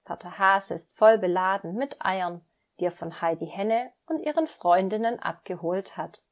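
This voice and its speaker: A woman narrating a children's story aloud in a gentle, expressive way. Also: mid-range voice, moderate pace.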